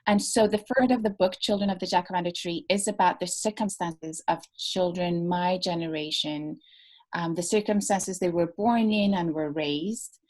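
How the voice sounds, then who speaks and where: A woman's voice: lowish voice, fairly even intonation, moderate pace, darkish tone. Thoughtful woman on a video call. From United States (born in Iran). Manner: thoughtful, many ums and restarts. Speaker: novelist guest. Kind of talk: casual interview talk.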